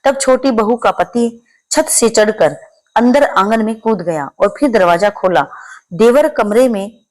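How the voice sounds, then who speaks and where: A woman's voice: fairly high pitch, expressive, measured pace. A woman telling a devotional folk tale, narrating expressively and voicing the characters' pleas. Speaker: storyteller.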